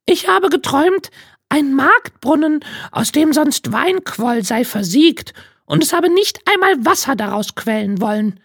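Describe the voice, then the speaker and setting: A crafty, kindly old grandmother in a high, creaky falsetto, played by a man. She fusses in a sing-song way, and her voice swings widely up and down. It is a dry storybook reading. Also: animated, a little slow, fairly bright tone, dry recording, full character voice. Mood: coaxing.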